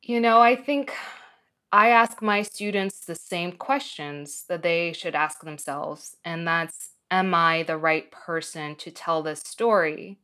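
Slow, measured woman from Morocco. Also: on the low side, bright, forceful tone. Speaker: film teacher. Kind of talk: radio interview.

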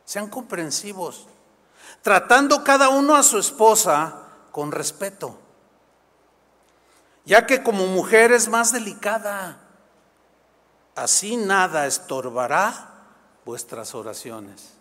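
Man, pastor, high voice, animated conversational sermon, reverberant church hall. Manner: animated, conversational preaching with quick asides. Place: church sanctuary.

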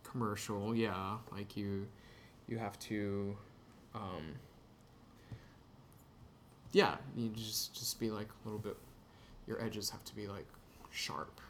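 A man's voice: lowish voice, fairly even intonation, slow pace, long pauses, a bit bright. Rambling young man, faint room hum. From Texas. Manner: rambling, full of "like" and "you know" fillers. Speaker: podcast guest. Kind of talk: casual conversation. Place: indoor room in Chicago.

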